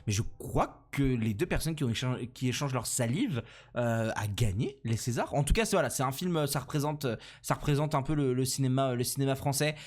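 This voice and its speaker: A man's voice: mid-range voice, animated, fairly quick. A young man with a French accent hosting a casual solo podcast, rambling and self-deprecating, with many fillers and restarts. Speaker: podcast host.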